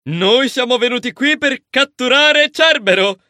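Man doing a high, bright, boastful storybook hero who blusters loudly. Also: animated, unhurried, no echo, studio quality, heavily acted. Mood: hearty. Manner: loud, blustering, yelps when scared. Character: boastful burly male hero, eager and excitable.

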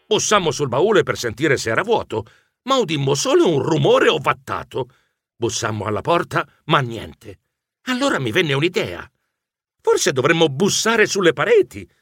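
Animated male audiobook narrator, bright voice. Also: a little high, normal speed, breathy edge, no room sound, studio quality. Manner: animated storytelling. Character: bookish male mouse narrator.

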